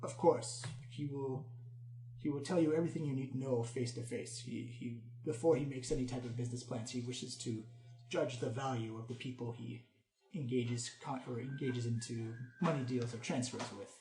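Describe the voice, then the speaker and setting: Brief: a man playing an ageless Gith monk, self-assured and formal, mid-pitched voice. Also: steady tone, moderate pace, mellow, close to an everyday voice. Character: proud ageless male Gith warrior monk. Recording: roomy echo.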